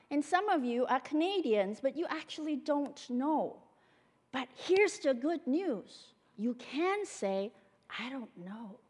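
A woman from Malaysia and Singapore giving a conversational sermon with personal testimony as a guest church speaker, earnest and full of fillers. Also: fairly high pitch. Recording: long hall reverb.

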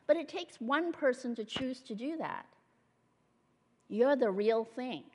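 Woman giving a chatty testimony sermon in a church hall, kinda high voice, lots of ums, big echoey reverb. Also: expressive, measured pace, darkish tone. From Malaysia and Singapore. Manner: conversational, earnest, with frequent fillers. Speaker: guest speaker at a church.

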